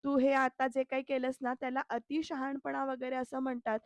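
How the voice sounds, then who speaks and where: A woman's voice: high voice, little pitch movement, normal speed, clean tone, dry recording. A woman reading the lines of a stern senior woman doctor who scolds her staff, in a serial recap. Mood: scolding.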